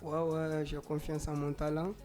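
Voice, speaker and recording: A young man appearing as a singer guest on a talk show. He answers briefly and casually in a slightly high voice. Soft music sits faintly in the background. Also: monotone, normal speed. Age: young adult. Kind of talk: interview answers.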